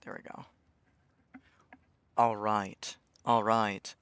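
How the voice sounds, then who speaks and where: A young man with a lowish voice rambles through a game stream, talking to himself. He stammers over restarts and swears under his breath. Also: little pitch movement, drawn-out words, a bit bright, smooth, no echo. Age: young adult. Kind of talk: casual live-stream commentary.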